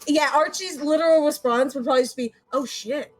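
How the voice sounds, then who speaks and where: A woman chatting casually and haltingly as a player in a tabletop role-playing game. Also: high voice, low-quality recording. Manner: informal, halting. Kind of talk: casual in-character game chat.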